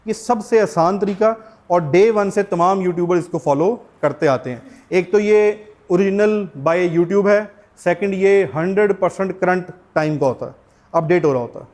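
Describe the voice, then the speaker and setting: High-voiced Pakistani man teaching a class. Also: normal speed, a little mellow. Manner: explains step by step, asks the class questions. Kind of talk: classroom lecture.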